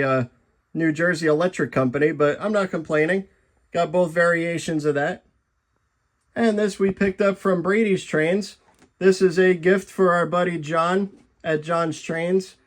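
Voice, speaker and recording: Casual young man, high voice, enthusiastic collector chatting through his haul. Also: normal speed. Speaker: model train vlogger. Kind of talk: casual show-and-tell vlog.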